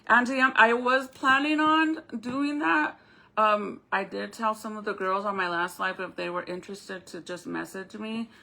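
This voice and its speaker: Woman, bright forward voice, medium pitch, speaking through a retainer, informal live-stream crafter, conversational explaining. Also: normal speed, vocal fry, rough recording. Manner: speaking with a retainer in her mouth; informal, conversational, addresses viewers directly.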